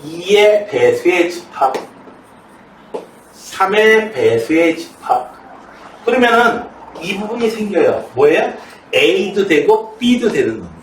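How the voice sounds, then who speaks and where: A man's voice: high voice, big pitch swings, slow pace, a little hiss or hum. A middle-aged man teaching math in a classroom and telling a story, chatty and often asking students questions, recorded from a distance in an echoey room. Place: academy classroom in Seoul.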